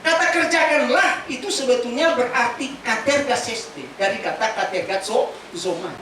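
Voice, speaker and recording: A woman pastor preaching a sermon, lively and chatty, asking the congregation questions as she teaches. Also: on the high side, normal speed, slight background noise. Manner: casual spoken Indonesian mixed with scripture teaching. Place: large church hall. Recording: very echoey church hall from far off.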